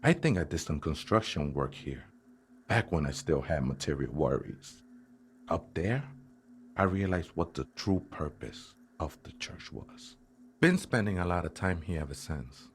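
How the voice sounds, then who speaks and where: A man's voice: extremely low pitch, animated, measured pace, a little hiss or hum, pitched below the performer's own voice. A streamer voicing a spaced-out man who squats in a church and calls himself a seraph, drawling in slang. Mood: dreamy. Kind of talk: reading game dialogue aloud.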